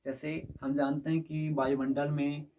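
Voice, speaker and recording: A man's voice: on the high side, flat delivery, a little slow, vocal fry, warm tone, a little hiss or hum. A man teaching a physics lesson, constantly asking his students questions and checking that they follow. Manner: quizzes students with repeated questions and checks understanding. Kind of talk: classroom lecture. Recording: voice from a distance.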